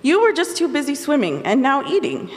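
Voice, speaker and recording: A woman's voice: sits high, huge pitch swings, a little fast, in a large hall, pitched above the performer's own voice. A woman author voicing a friendly, teasing young woman in a story she reads aloud, with a light musical delivery.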